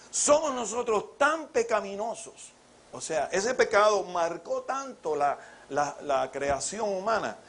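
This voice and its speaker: A man's voice: sits high, fairly bright tone. A man preaching a sermon with rhetorical questions, acting out biblical dialogue as he goes.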